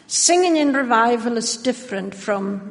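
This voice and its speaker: Female testimony speaker, measured and solemn, short phrases, echoing church hall. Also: fairly high pitch, lively intonation, gravelly. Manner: measured, solemn, pausing for translation. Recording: long reverb of a large hall.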